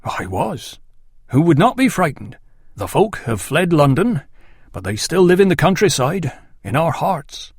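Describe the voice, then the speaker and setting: A man voicing an earnest, excitable male farmer who speaks with awe. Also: fairly high pitch, a little slow, husky, no room sound, studio quality, exaggerated voice. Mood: awed. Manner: eager, awed, excitable.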